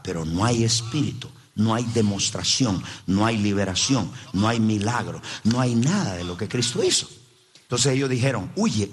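Male pastor for a sermon: husky voice, very animated pitch, emphatic and direct with the congregation.

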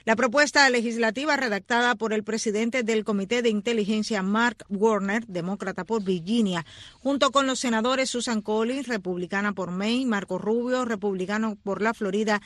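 A woman's voice: fairly high pitch, normal speed, a bit bright, dry recording, clean studio sound. A woman anchoring radio news, reading scripted items and handing over to colleagues.

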